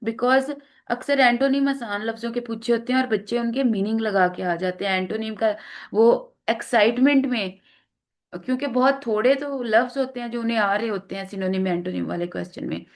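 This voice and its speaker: Woman teacher explaining vocabulary patiently. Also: a little high. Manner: explains patiently, repeats words, many fillers; mixes English terms into Urdu-Hindi speech. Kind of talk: lecture on exam vocabulary.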